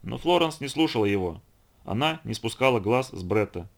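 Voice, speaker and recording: Male narrator, audiobook reading, measured, even. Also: mid-range voice, vocal fry. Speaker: audiobook reader. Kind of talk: scripted narration.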